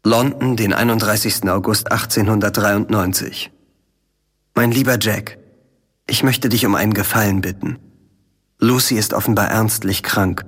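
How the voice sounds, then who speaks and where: A passionate young fiancé in a radio drama. His mid-pitched voice carries a slight huskiness and an urgent, devoted earnestness. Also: fairly bright tone, husky. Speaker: Arthur Homewood. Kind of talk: radio play acting and narration.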